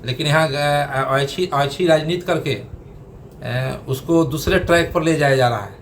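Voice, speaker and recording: Guy answering press questions, defensive, lots of uhs, slightly high voice. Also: a little hiss or hum. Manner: defensive, halting with fillers. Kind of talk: press interview.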